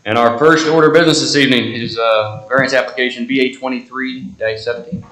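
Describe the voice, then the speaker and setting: A man's voice: medium pitch, steady tone, fast, a bit bright. Echoey American man reciting rote official procedure. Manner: rote, formulaic delivery of procedure and oath. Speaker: board chairman presiding over a public meeting. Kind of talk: formal meeting procedure. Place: indoor township meeting room. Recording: echoey public meeting room.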